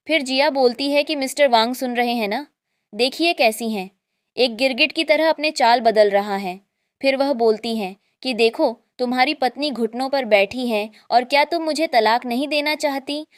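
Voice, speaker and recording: A woman with a slightly high voice tells a drama's story as a recap, in a steady scripted narration. She reports what each character says without acting any of them. The sound is close and dry, with no room around it. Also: no room sound.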